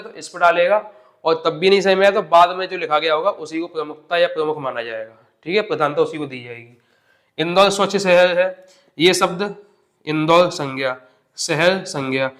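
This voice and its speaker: Guy teaching grammar for an exam, kinda high voice, asks then answers his own questions. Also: a bit bright. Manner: explains step by step, asks questions then answers them himself. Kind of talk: exam-prep grammar lesson.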